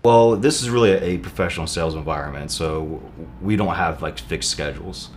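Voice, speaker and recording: Man, manager, very deep voice, measured and businesslike. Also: crowd noise. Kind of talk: business interview.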